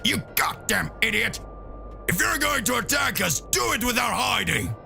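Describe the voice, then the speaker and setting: Man playing Vegeta, gruff hot-tempered anime warrior. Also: high voice, very animated, slow, faint music behind, exaggerated voice. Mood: furious. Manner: gruff, shouted insults.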